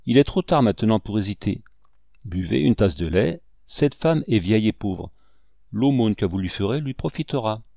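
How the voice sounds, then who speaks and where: A man's voice: lowish voice, moderate pace, vocal fry, no room sound, clean studio sound. A man reading as a shrewd, fatherly old hunter. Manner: calm, fatherly, gently teasing. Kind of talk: audiobook character voice.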